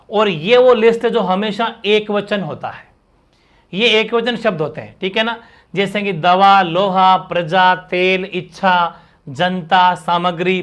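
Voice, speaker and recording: A male teacher giving a live online grammar class, energetic and constantly checking in with his students. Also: sits high.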